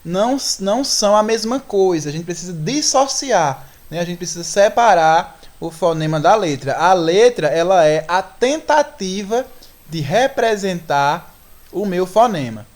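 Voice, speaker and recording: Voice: mid-range voice, animated, measured pace. A teacher with a Brazilian Portuguese accent, explaining a grammar lesson step by step and often asking the class whether they follow.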